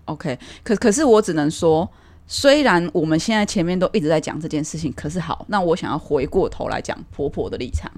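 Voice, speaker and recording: A woman's voice: deep voice, animated, brisk, darkish tone. A young woman, co-hosting a casual chat, laughing often and explaining with examples. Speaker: podcast co-host.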